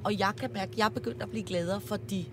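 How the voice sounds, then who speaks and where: A woman co-hosting a podcast, chatting casually and telling stories with warm exclamations, recorded on a train. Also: medium pitch, fairly even intonation, noisy background. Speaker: podcast co-host. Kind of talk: casual chat.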